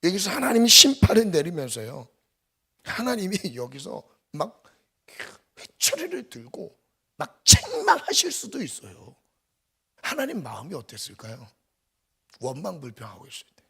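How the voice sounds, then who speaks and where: A man preaching a sermon as pastor, swinging from loud emphatic bursts to hushed near-whispers. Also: high-pitched, huge pitch swings, moderate pace, vocal fry, breathy edge. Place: church sanctuary.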